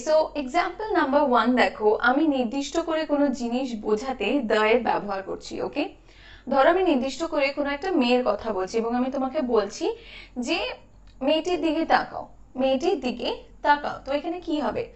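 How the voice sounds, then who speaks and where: Bengali-accented female English tutor, high-pitched, slow and repetitive explainer. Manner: explains slowly, repeats examples, checks in with the viewer. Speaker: English teacher. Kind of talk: grammar lesson.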